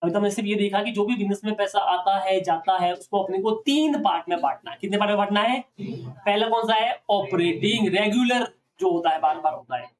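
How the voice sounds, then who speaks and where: A man's voice: sits high, brisk. Distant male teacher quizzing a class. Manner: asks students frequent check questions. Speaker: accounting teacher. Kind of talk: classroom lecture.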